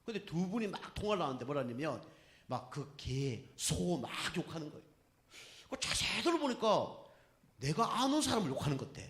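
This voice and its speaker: A man preaching a sermon as pastor, telling a personal story in a lively way and acting out what others said. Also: a little high, fast. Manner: animated storytelling, voicing others in quotes. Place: church sanctuary. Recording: echoey church hall.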